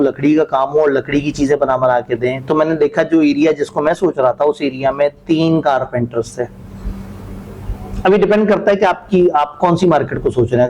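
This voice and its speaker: Over poor audio, a man gives a classroom lecture in a conversational way, posing rhetorical questions and then answering them himself. His voice is a little high and a little mellow.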